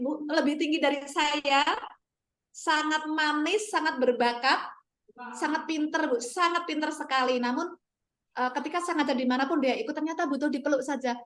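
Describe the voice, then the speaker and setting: A woman teacher talks through her classroom experiences in a relaxed webinar. Her voice sits high, and she keeps stopping to beg pardon and address her listeners politely. She tells her stories vividly, putting on the children's voices as she goes. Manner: apologetic, often begging pardon and addressing listeners as ma'am; storytelling, acts out her students' voices.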